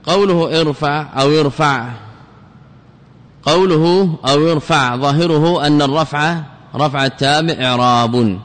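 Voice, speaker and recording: A man teaching a classical grammar lesson, explaining step by step, often repeating phrases and reciting quoted lines slowly. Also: a little high, fairly bright tone. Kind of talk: classical lecture explaining a text. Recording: long reverb of a large hall.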